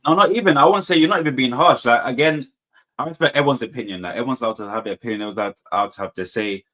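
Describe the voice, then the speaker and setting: A man's voice: medium pitch, racing, bright, forceful tone. A man in a casual football debate, slangy and repeating points for emphasis. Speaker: football fan panellist.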